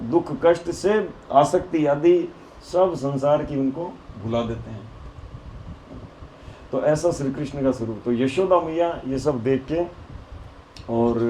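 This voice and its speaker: A man preacher telling devotional stories in an animated way, often laughing. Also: on the high side. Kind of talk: devotional storytelling sermon. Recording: echoey hall with faint noise.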